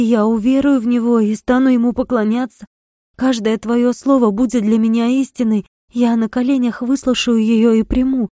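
A woman's voice: fairly high pitch, warm tone, no room sound, studio quality, voice pushed up, close to an everyday voice. A woman reading aloud, voicing a wild, passionate young village woman who pleads and argues. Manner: pleading, impassioned.

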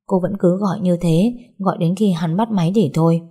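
A woman calmly narrating a romantic drama story. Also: fairly low pitch, fairly quick, slightly rough. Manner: calm, even storytelling.

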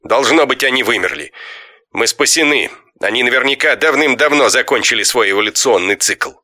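A man reading an excitable male space explorer in an audiobook. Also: medium pitch, brisk, no room sound, studio quality, pitched above the performer's own voice. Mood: relieved. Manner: agitated.

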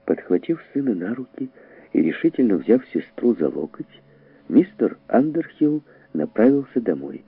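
A man reading an audiobook story aloud in a dramatic, expressive way, heightening his voice for the characters. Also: mid-range voice, normal speed, vocal fry, slightly rough, no echo, narrow, tinny audio. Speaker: audiobook narrator.

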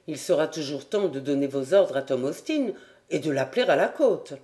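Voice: medium pitch, sing-song, moderate pace, warm tone, pitched below the performer's own voice, lightly acted. An earnest young sea captain, practical and a little impatient, as an audiobook reader puts him on. He is read close to the narrator's own voice, with only a slight edge of urgency. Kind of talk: audiobook character voice.

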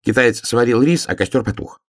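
A man voicing a naive, chatty little hedgehog in a storybook reading, raised and insistent, with a husky voice. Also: mid-range voice, fairly quick, pitched above the performer's own voice, natural voice. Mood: excited.

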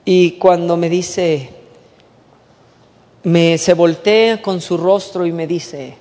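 A man with a Mexican accent preaching a sermon, moving from soft, hushed storytelling to emphatic preaching. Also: sits high, steady tone, takes it slowly. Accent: Mexican Spanish. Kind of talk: sermon with personal testimony. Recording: long hall reverb.

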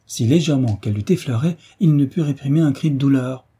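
A man narrating a classic novel as an audiobook with a measured, deliberate reading. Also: mid-range voice, dark tone, husky.

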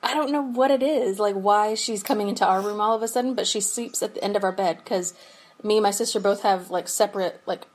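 A young woman co-hosts a podcast over a remote call, chatting casually with lots of fillers and frequent giggles. Her voice is mid-range and a little fast.

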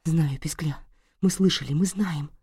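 A woman reading an audiobook, voicing a young man who comforts his little sister in a soft whisper. The recording is close and dry. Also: low-pitched, fairly even intonation, a little fast, slightly rough, no echo. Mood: soothing whisper. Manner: whispering, soothing.

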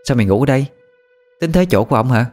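A man voicing an offhand, weary older sister who talks quickly and dismissively. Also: medium pitch, lively intonation, darkish tone, faint music behind, pitched above the performer's own voice, close to an everyday voice.

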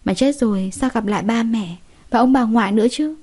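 Mellow-voiced woman narrating a story. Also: fairly high pitch, brisk, husky. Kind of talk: first-person story narration.

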